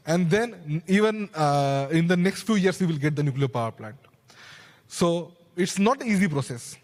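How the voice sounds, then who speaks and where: A young man speaks earnestly on a conference panel, working through his points with quick restarts and asides. His voice sits a little high, and the handheld mic picks up a long reverb from the big hall around him. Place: large conference stage hall.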